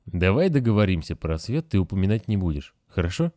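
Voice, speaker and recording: Man doing a weary gentle caretaker. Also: deep voice, very animated, a little fast, no room sound, clean studio sound. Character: tired, kindly older male caretaker.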